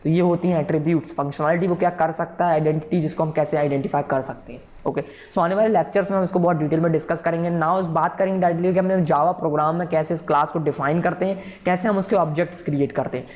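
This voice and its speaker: A programming instructor delivers a recorded tutorial lecture, explaining things patiently and frequently checking that listeners are following. He talks fast with few pauses, in a slightly high, steady, darkish voice.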